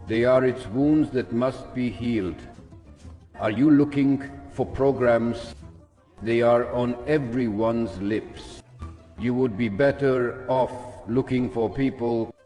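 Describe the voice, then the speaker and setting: Slow, reverberant man reading a formal political speech. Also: mid-range voice, a little mellow. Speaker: speech reader. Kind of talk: formal political speech read aloud in English translation. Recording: long hall reverb with music behind. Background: music.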